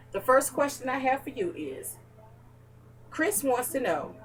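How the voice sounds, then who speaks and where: A woman's voice: mid-range voice, far from the mic, rough recording. A woman interviewing her neighbor in a casual home chat, chatty and playfully teasing. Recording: voice from away from the mic.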